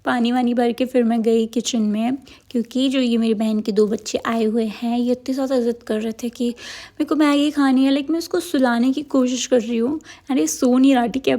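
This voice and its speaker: A woman's voice: fairly high pitch, vocal fry, dark tone. A young woman vlogger narrating her day in a casual, rambling way, full of filler words.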